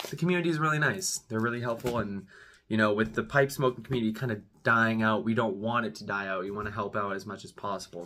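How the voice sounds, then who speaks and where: A man's voice: on the low side, pushed and bright, slight background noise. A man in his twenties chatting casually to camera as he gives a review, laid-back, rambling and slangy. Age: 20s. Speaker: pipe tobacco reviewer, video host. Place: small room at home.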